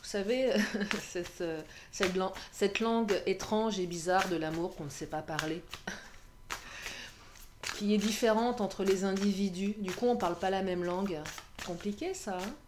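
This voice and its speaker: A woman's voice: medium pitch, a little slow. A woman casually reading tarot and oracle cards, chatty, often laughing and repeating her phrases. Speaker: tarot and oracle card reader. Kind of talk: casual card-reading monologue. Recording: echoey room with faint noise.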